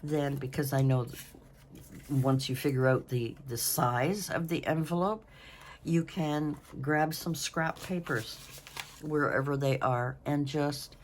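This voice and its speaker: A woman's voice: low-pitched, slow pace, a little hiss or hum. A woman in her sixties hosting a craft video, rambling and thinking aloud in a self-deprecating way as she works. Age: 60s. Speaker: craft channel host. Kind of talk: casual crafting talk-through.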